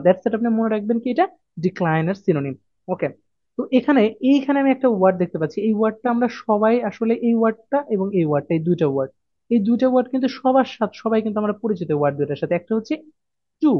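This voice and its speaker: Fast-talking man teaching a lesson. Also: sits high, dry recording. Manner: repetitive, asks and answers his own questions. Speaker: IELTS vocabulary teacher. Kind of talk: explaining a lesson to students. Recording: dull, dry, lo-fi audio.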